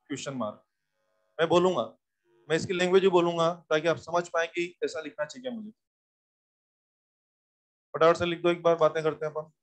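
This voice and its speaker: High-voiced chatty male physics teacher. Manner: chatty, coaxing, repeats key points and questions students. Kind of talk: classroom lecture.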